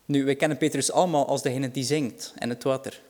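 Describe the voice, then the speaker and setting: A man's voice: medium pitch, fairly even intonation, fairly quick, warm tone. A man preaching a sermon, earnest and reassuring, rising in volume for dramatic quotes.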